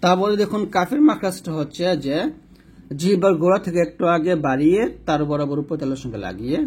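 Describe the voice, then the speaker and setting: A man teaches Quran recitation step by step, slowly sounding out Arabic letters and explaining each one's pronunciation while pointing at a diagram. His voice is a little high and a little mellow, with a slight hiss or hum on the recording.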